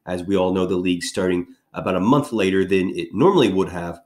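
Man, slightly low voice, head cold, casual betting preview, rambling with fillers. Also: quick pace, darkish tone. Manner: rambling, filler-heavy delivery. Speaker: sports betting analyst host.

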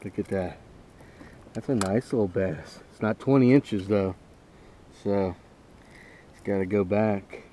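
In a mellow, lowish voice with fairly even intonation, a fishing vlogger talks a little slowly and pauses often. He's on a small boat on a lake, giving folksy, casual commentary as if to himself and his viewers, while boat and water sounds come through faintly.

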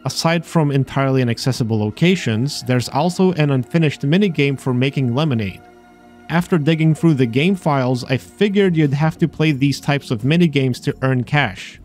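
This games-exploring video host speaks at medium pitch and a moderate pace, his tone leaning dark. He narrates scripted commentary on a video game with dry sarcasm sprinkled in, over faint game music.

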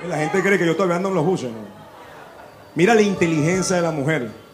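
Fast, high-voiced Venezuelan comedian. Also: male voice, background noise. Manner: crude, animated storytelling with acted-out quotes. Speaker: stand-up comedian. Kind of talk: stand-up comedy. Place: live comedy venue with audience.

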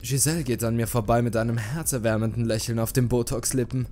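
A man reading a horror story aloud in steady, measured narration. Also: medium pitch. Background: background music.

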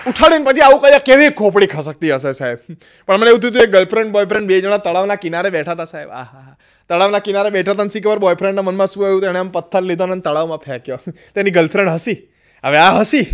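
A man with a Gujarati accent telling jokes as a stand-up comedian, acting out the people in his stories. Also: high-pitched. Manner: animated storyteller acting out quoted voices.

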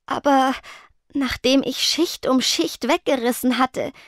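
A woman voicing a shy, nervous teenage ghost girl who speaks softly and stammers. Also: high-pitched, unhurried, dry recording, studio quality, pitched above the performer's own voice. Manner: soft, stammering, timid.

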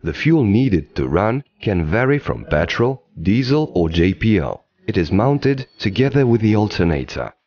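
A man giving scripted documentary narration in an even, explanatory delivery, recorded as a studio voice-over. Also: on the low side, moderate pace, hardly any pauses, dull audio.

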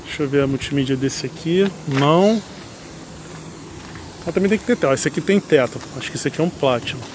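Higher-pitched Brazilian man vlogging, noisy surroundings. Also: expressive, fairly quick. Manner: informal, thinking aloud while he works. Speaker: car reviewer. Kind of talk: casual car vlog. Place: in and around parked cars at an outdoor lot. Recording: clear car and outdoor ambient noise.

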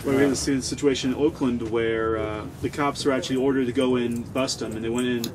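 A man visiting a protest camp who talks quickly and rambles, restarting his sentences as he explains his views. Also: medium pitch, fairly even intonation, crowd noise. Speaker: visiting interviewer. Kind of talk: casual conversation. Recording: outdoor noise behind.

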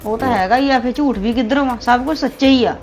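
A woman with a Punjabi accent playing a sharp-tongued daughter-in-law who scolds and dismisses her mother-in-law. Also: a little high, quick pace, faint music behind, natural voice. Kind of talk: family drama acting.

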